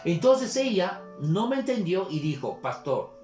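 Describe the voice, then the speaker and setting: A man's voice: a little high, animated, measured pace. A male pastor preaching a sermon, explaining with examples and scripture. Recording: echoey room with soft guitar music. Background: soft guitar music.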